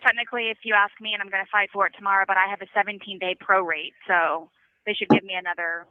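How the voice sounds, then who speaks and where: A woman's voice: mid-range voice, steady tone, fast, slight background noise. A woman calling from prison over a phone line, talking in a worried, complaining way. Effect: prison phone call line. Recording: tinny dry phone line.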